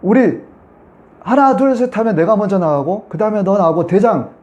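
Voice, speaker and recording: A sneering demon's voice, put on by a preacher rises high above his usual talk. It mocks and taunts in a lively, swooping way. The tone stays dark and warm for all its height. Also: normal speed. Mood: taunting. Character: mocking demon possessing a woman.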